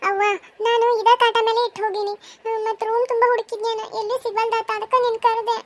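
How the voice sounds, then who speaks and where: Scared young bride, very high and teary, north karnataka kannada accent, cartoon. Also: female voice, little pitch movement, a little fast, a little hiss or hum. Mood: frightened. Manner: high, tearful, anxious. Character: frightened young bride in a village.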